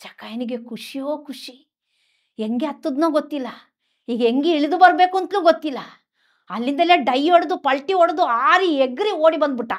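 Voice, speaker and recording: A woman's voice: sits high, moderate pace. A woman preacher, a religious sister, telling a story in a fervent, repetitive sermon and speaking directly to her listeners.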